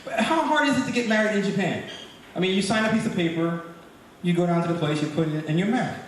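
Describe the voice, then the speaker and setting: A man from Brooklyn, New York, with a voice that sits high and a fast delivery, teases the crowd in a chatty stand-up comedy set at a comedy club. The live club recording is echoey and distant, and crowd noise comes through.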